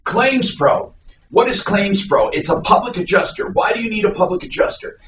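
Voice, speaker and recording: A man's high voice pushes a sponsor on a radio show with emphatic salesmanship. He sounds distant and echoey, with some noise around him. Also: animated, normal speed, lo-fi sound. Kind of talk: show intro and sponsor endorsement.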